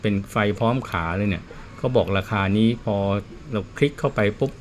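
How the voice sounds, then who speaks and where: A watch repairer talks as he works, his low-leaning male voice animated and a touch quick, with faint hiss or hum behind it. He's a plain-spoken, chatty storyteller, casually explaining things and spinning yarns.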